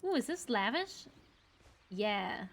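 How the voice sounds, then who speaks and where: A woman's voice: a little high, big pitch swings, takes it slowly. An Australian woman doing casual livestream commentary while she plays a game. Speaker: livestreamer, VTuber. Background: music.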